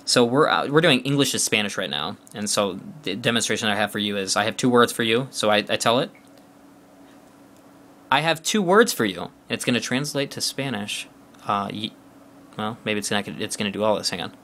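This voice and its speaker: A man with a bright, forward voice walks through a phone's features in a casual demo. He talks along as he taps, loose and chatty, full of uh's and restarted sentences. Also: on the low side, fast. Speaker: phone reviewer.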